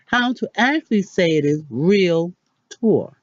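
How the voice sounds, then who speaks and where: A woman hosting a casual pronunciation lesson, chatty and self-deprecating, repeating words slowly. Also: lowish voice, big pitch swings, darkish tone, no echo, dull audio. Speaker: channel host.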